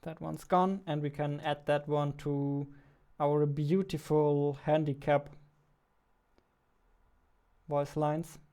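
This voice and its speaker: A twenty-something indie game developer hosts a casual coding devlog, muttering to himself in short fragments as he thinks aloud through code at his computer desk indoors. His voice is a little high, level and mellow, and he takes it slowly with frequent pauses. Faint music plays behind keyboard typing and clicking.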